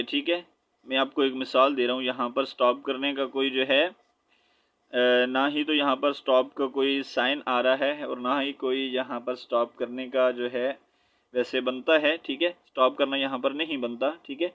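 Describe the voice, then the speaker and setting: A man teaching Quran recitation. He spells out letters slowly, chants the verses drawn-out, and explains quickly and patiently between them. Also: medium pitch, level tone. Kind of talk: tajweed lesson, spelling and reciting. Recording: dull lo-fi recording.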